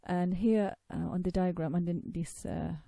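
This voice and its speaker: Dark-voiced woman teaching pronunciation, patient. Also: on the low side, fairly even intonation, gravelly, no room sound. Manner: patient, demonstrates sounds slowly with drawn-out vowels. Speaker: tajweed teacher. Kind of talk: recorded lesson explaining pronunciation.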